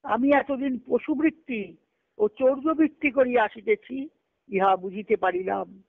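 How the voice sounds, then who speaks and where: A spiritual discussion speaker with a creaky voice on the high side reads letters aloud unhurriedly during a group conference call. She explains them didactically, repeating phrases. The recording is dry, over a tinny, band-limited phone line.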